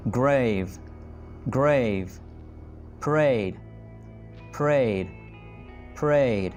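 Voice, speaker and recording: A man teaching English pronunciation. He explains patiently and says each example word slowly and drawn out, often stopping to check in with the learner. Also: mid-range voice, a little mellow. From Pakistan. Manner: drawn-out demonstration words repeated slowly. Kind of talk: spoken language lesson.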